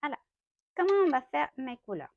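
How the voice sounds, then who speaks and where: A woman's voice: high voice, big pitch swings, moderate pace, dry recording, muffled recording. Mexican-accented woman, dry close sound. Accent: Mexican Spanish. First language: Spanish. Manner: chatty, self-correcting, light laughs. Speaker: watercolor artist. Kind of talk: casual art tutorial. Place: home art studio.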